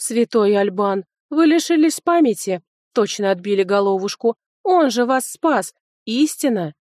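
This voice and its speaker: A woman reading an audiobook, voicing a chattering young female servant who gossips in excited exclamations. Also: on the high side, a little slow, no room sound, studio quality. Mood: fussing.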